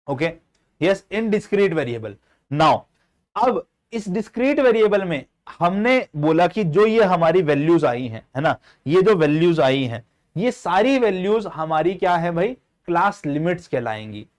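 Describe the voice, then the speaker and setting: A male teacher gives a live online class in a fairly high voice. He explains step by step and keeps asking whether his students follow. He talks to them fondly, calling them child and brother. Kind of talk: live online statistics lesson.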